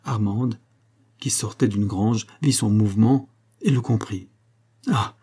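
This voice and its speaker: A man narrating a novel chapter in measured, scripted storytelling. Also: on the low side, warm tone, slightly rough. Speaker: audiobook narrator.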